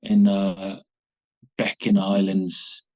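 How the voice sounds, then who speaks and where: A man talks haltingly, often restarting as he searches for words. His voice sits low and sounds husky. The recording is dull and muffled. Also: completely flat delivery, dark tone. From Samoa. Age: 40s. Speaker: guest, abuse survivor. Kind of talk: personal interview.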